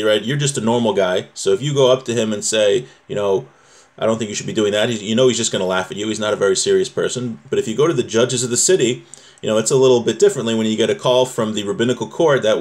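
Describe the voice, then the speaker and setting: A man of medium pitch teaches religious law informally, reading a text aloud and explaining it. He goes step by step, conversationally, using rhetorical questions.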